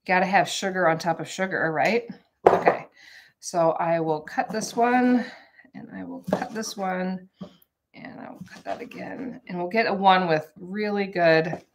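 A forties-aged woman vlogger bakes live in her home kitchen, rambling casually to viewers. Her voice sits on the low side, and the camera on the counter adds a little hiss or hum.

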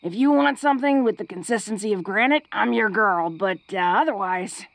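Bashful and affectionate in mood, a woman plays a tough, flirty female orc with a hidden awkward streak in an intimate romantic audio roleplay, teasing in a hesitant, folksy way. Her medium-pitched voice is gravelly with lively intonation and a moderate pace. The recording is dry.

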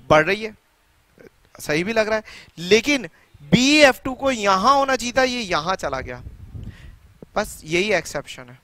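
A man's voice: high-pitched, bright, forceful tone, no room sound. Middle-aged man from India, chemistry teacher, dry close sound, quizzing and repeating. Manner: keeps quizzing students with rhetorical questions; repeats key points for emphasis. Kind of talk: classroom lecture.

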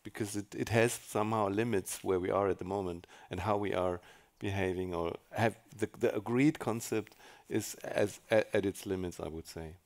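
Halting man rephrasing on a panel. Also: fairly low pitch, steady tone, darkish tone. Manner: rephrasing, halting, searching for words. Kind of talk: panel discussion contribution. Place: conference hall stage, indoors.

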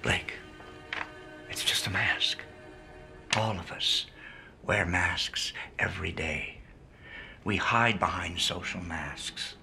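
An older man acting in a film clip, speaking slowly and softly with a philosophical, ominous manner, music under him. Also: deep voice, gravelly, full character voice. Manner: slow, hushed, philosophical. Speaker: doctor in a film. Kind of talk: film dialogue.

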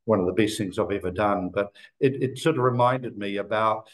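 An older man from New Zealand, speaking with a lowish voice as a guest on a video call. He rambles in an easy conversational way, full of fillers, restarts and small detours. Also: brisk, rough recording. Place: office room indoors.

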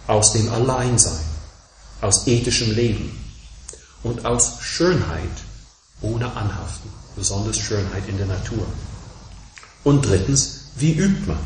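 A man giving a dharma talk as a Buddhist teacher, emphatic and measured, driving his points home through insistent repeated contrasts. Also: lowish voice, darkish tone, slight background noise. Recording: echoey room.

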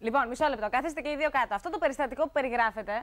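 A woman hosts a television talk show and steps in to mediate a quarrel between two guests. Her voice sits fairly high. She speaks calmly and firmly and steers the discussion. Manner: calm, firm, steers the talk.

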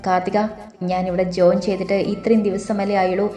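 A domineering young male boss barks orders and mocks his employee, voiced by a woman narrating the story. The delivery is mellow and warm in tone, with a roomy echo and faint music beneath. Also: mid-range voice, little pitch movement, fairly quick, lightly acted. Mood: bossy. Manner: commanding, mocking.

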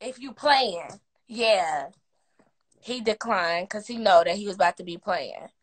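A woman's voice: medium pitch, a little slow. A young woman casually chatting and laughing with viewers on a phone live stream, teasing and playful. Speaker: livestream host.

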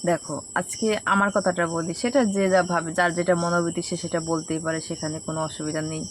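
A woman's voice: on the low side, little pitch movement, brisk, slight background noise. A middle-aged woman with a cold talks earnestly and repetitively to her viewers, sharing her thoughts. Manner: repetitive, reflective, addresses viewers directly. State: has a cold. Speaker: vlogger. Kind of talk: casual heartfelt talk to viewers. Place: rural home with goats nearby.

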